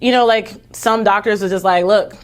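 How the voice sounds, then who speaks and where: A woman's voice: mid-range voice, steady tone, moderate pace. A woman from Texas, an athlete guest telling her story in a casual interview, talking chattily with lots of "you know" and "like".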